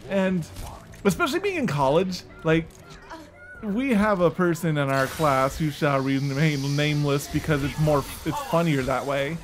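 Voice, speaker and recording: A man's voice: fairly high pitch, normal speed, faint music behind. A man in his thirties delivering a casual, weary and earnest back-in-my-day rant, repeating himself for emphasis. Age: 30s. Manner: emphatic repetition for stress.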